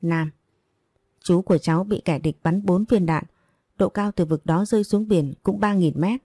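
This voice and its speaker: A woman voicing a somber soldier who delivers bad news gravely and apologetically, in a low voice. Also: moderate pace, mellow, dry recording, clean studio sound.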